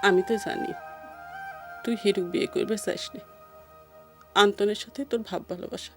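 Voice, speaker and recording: An actress playing a sorrowful elder housewife in a TV drama. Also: female voice, medium pitch, lively intonation, a little fast, music in the background, lightly acted. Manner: sorrowful, tearful. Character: grieving elder housewife, tearful. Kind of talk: television drama acting.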